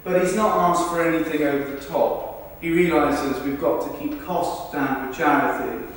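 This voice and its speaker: Rehearsing verbatim theatre, the man delivers people's accounts of a celebrity visiting a football club, earnest and lightly acted. His voice sits on the high side at a moderate pace, recorded from afar in an echoey, large rehearsal room with faint noise.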